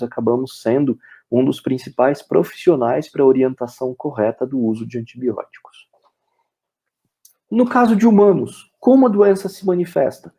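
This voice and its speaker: A man with a Brazilian Portuguese accent gives a veterinary webinar lecture, explaining things step by step. His voice is fairly high, dark in tone, and slightly rough, and he fills pauses with "é" and often checks in with "ok?"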